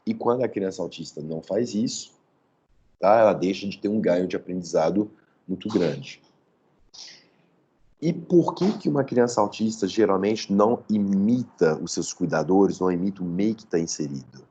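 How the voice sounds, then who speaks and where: A man's voice: low-pitched, expressive, moderate pace, warm tone, dull audio, a little hiss or hum. A man, a professor giving an online lecture from home, explaining step by step and checking in with his listeners. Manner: didactic, checks in with "tá?". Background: dog nearby.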